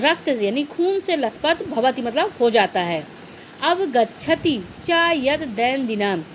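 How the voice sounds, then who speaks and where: A woman's voice: on the high side, a bit bright, a little hiss or hum. A woman teacher reading Sanskrit lines aloud and explaining each one to her students in Hindi. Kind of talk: line-by-line explanation of a Sanskrit text.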